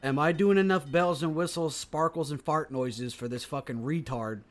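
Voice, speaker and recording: Man, comedy podcast host, impressionist, rambling tangents, swears a lot, slightly high voice. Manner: rambling, profane, fast tangents. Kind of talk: casual comedy podcast chat.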